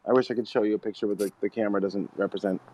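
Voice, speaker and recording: A man's voice: on the low side, steady tone, very fast, dark tone, lo-fi sound. A man hosting a casual chat, who tells rambling jokey stories and laughs often. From United States. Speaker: host. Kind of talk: casual chat on a live audio room.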